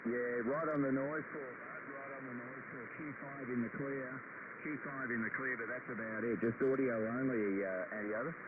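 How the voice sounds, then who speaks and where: A man's voice: mid-range voice, fairly even intonation, normal speed. Crackly, heavily static-covered Australian man on radio. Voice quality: crackly walkie-talkie sound. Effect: crackly two-way radio. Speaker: amateur radio operator. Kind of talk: casual two-way radio chat. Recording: narrow, very noisy radio link.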